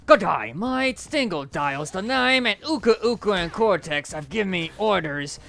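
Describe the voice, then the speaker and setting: A man imitating a gruff dingo-crocodile villain with a put-on Australian accent, reciting the line in a mock-threatening way. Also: high-pitched, animated, moderate pace, fairly bright tone, voice pushed up, heavily acted. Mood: mock-menacing.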